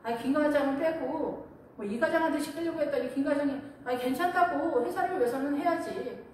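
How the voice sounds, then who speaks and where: Woman playing a smug scheming boss, raised pitch, faint room noise, distant mic. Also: fairly quick, lightly acted. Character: manipulative male company boss, smug. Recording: echoey church hall from far off.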